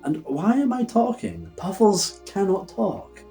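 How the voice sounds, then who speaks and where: A man's voice: sits high, sing-song, slow pace, creaky, warm tone, soft background music, pitched above the performer's own voice, full character voice. A man voicing a flustered young penguin trapped in a fuzzy pet's body, in a hammy, theatrical, pleading manner. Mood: dramatic disbelief.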